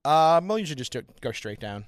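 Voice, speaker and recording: A man's voice: a little high, sing-song, fast, dry recording. A man from Long Island, a comedian guest chatting on a podcast, laughing and swearing casually. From Long Island, New York.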